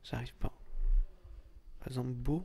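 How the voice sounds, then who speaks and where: A young man with a regional French accent in a whispered role-play as a boyfriend, gently teasing and patiently coaching his girlfriend through a game. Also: medium pitch, steady tone, moderate pace, gravelly.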